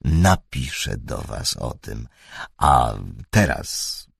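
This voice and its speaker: A man voicing a calm and shrewd male detective who speaks in a soft, measured, dry way. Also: very deep voice, creaky, breathy edge, no echo, pitched below the performer's own voice, full character voice.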